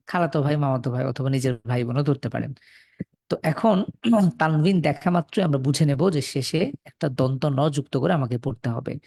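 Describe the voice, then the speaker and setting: A man's voice: fairly high pitch, a little mellow, clean studio sound. A man from Bangladesh teaching Quran reading in a live online class, patiently repeating rules and sounding out syllables for students to echo over a computer mic.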